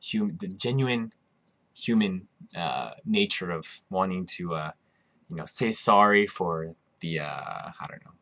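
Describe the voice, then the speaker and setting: A man's voice: sits low, measured pace, fairly bright tone, no echo. A man hosting a podcast, telling a story in a rambling, casual way with many restarts and asides. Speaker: podcast host; musician.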